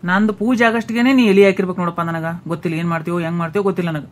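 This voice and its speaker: A man's voice: high voice, racing, close to an everyday voice. A man voicing a hungry, short-tempered older husband in a comic cartoon, speaking with a North Karnataka Kannada accent and barking impatient orders.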